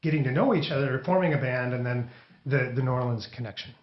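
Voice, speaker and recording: A man's voice: medium pitch, fast. A man hosting a podcast interview in casual chat, rambling with many restarts. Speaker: podcast host. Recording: echoey room, dull lo-fi sound.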